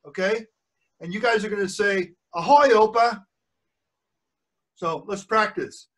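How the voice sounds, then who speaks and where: With a sharp tone, a high voice, and normal speed, an older man reads a story to his grandchildren on a screen-shared video call. The read-aloud is peppered with chatty interruptions where he explains words and checks they're following.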